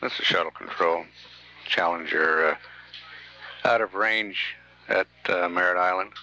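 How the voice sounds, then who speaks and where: Man, low-pitched, bright edge, halting measured mission commentary, faint radio hiss. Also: rough recording. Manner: halting, measured, pausing mid-sentence. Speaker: mission control public affairs announcer.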